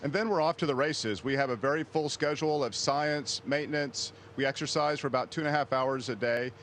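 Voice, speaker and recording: A man with a medium-pitched voice answers interview questions as an astronaut, explaining things plainly. A faint steady machinery hum from the space station sits behind him. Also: fairly quick.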